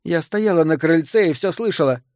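A man reading an audiobook, voicing a deranged grieving woman who confesses to a killing, hoarse with rage and near sobbing. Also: expressive, normal speed, a little mellow, no echo, studio quality, natural voice. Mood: menacing. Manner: shrill, vengeful outbursts.

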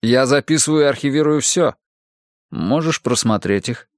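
A man reading an audiobook, voicing a shaken middle-aged psychiatrist who talks tensely and haltingly. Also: medium pitch, no room sound, studio quality, pitched above the performer's own voice, natural voice.

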